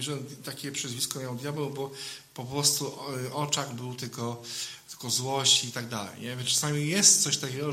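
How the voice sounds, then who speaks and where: A man's voice: mid-range voice, sharp tone. A man, a priest, giving an informal sermon in a conversational way, often adding a questioning tag to his sentences.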